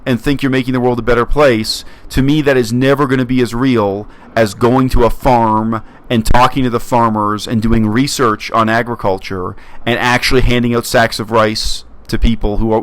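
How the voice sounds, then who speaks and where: A man from Canada talking earnestly to his viewers in a casual monologue, reflective and halting, often restarting his phrases. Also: mid-range voice, a bit bright. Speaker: YouTube commentator.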